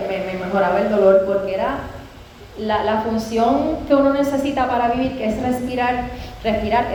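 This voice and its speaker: A woman tells her own story with heartfelt openness and acts out remembered dialogue as she goes. Her voice sits a little high but has a mellow, dark tone. It is recorded in a strongly echoing room with a faint hiss underneath. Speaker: person giving a personal testimony. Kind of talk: heartfelt spoken testimony. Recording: very echoey room with faint background noise.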